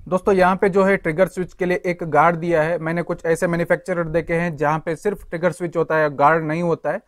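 Speaking quickly, a young tool reviewer breaks down a power tool part by part and treats his audience like friends. His voice is a bit high and flat in pitch, and the audio is close-miked and dry, without room echo, as in a hands-on product demo.

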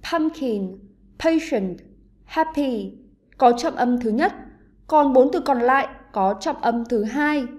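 High-voiced slow woman teacher. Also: darkish tone. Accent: Vietnamese. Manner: slow, careful explanation to pupils. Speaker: English teacher. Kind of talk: online English lesson.

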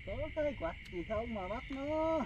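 A man bantering outdoors, exclaiming in quick protests. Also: very high voice, expressive, darkish tone. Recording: dull lo-fi outdoor sound with hiss.

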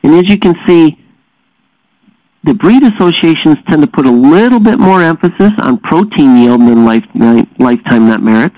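A man lecturing as a dairy science teacher, explaining steadily and often pausing with "uh" fillers. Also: a little high, expressive, a little mellow, dry recording, lo-fi sound. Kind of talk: recorded lecture.

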